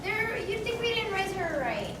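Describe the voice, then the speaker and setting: A woman's voice: very high-pitched, sing-song, moderate pace. A woman playing a stern, prim old grandmother who scolds and exclaims in an amateur stage play. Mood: disapproving. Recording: echoey hall, distant mic, loud noise.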